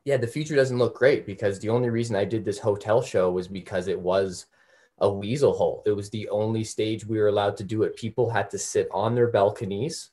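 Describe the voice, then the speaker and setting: A man's voice: lowish voice, fairly even intonation, fairly quick, dark tone. A man speaking as a comedian guest in a casual interview, griping in a wry, blunt way.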